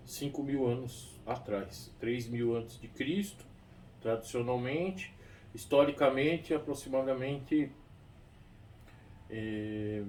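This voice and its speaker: A man's voice: mid-range voice, darkish tone. A man with a Brazilian Portuguese accent explains kung fu as a teacher. He rambles, restarts and keeps checking in with his listener. His voice sits somewhat off the microphone over a faint noise floor. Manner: rambling, frequent tag questions and restarts. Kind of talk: explanatory talk. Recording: distant mic with faint background noise.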